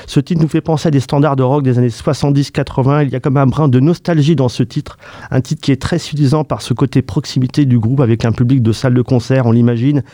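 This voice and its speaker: Radio guy gushing about a record, warm mellow tone, dry close studio sound. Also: mid-range voice, steady tone, fast talker, dry recording. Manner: effusive, repeats praise words, many fillers. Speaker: radio host. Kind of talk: enthusiastic music review chat.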